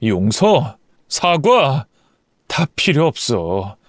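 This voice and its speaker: A man's voice: medium pitch, very animated, extremely slow, no echo, studio quality, pitched below the performer's own voice. A man voicing a bitter young husband who speaks curtly and with contempt, in an audio story. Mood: contemptuous. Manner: curt, contemptuous.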